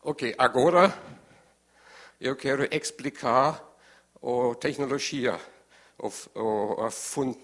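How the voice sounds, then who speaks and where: A man with a German accent and German as his first language, giving a formal presentation haltingly in a language he is not fluent in, searching for words. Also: mid-range voice, fairly bright tone.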